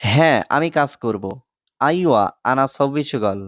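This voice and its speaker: A man from Bangladesh giving a scripted lesson, explaining phrases word by word in a steady, repetitive way. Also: mid-range voice, measured pace, no room sound. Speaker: Arabic language teacher.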